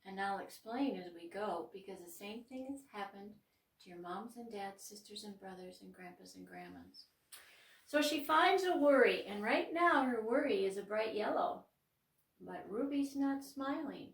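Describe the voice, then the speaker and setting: A middle-aged children's librarian with an Upper Midwest American accent hosts storytime in a church room, reading a picture book aloud and stopping to explain the pictures. She reads gently, slowly and expressively in a mid-range voice. The mic is set back, giving a roomy sound.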